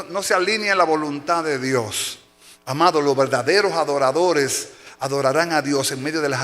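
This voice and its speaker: A man preaching a sermon as pastor, telling stories with acted-out cries and shouts. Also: on the high side. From Dominican Republic. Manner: animated storytelling, acting out shouts and cries. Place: church sanctuary. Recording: long hall reverb.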